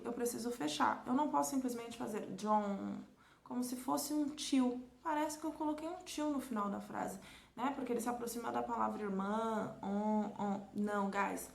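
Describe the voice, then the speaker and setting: A woman teacher with a Brazilian Portuguese accent giving a recorded lesson to children, repeating example words slowly and clearly. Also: a little high, a little mellow, reverberant. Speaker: English teacher.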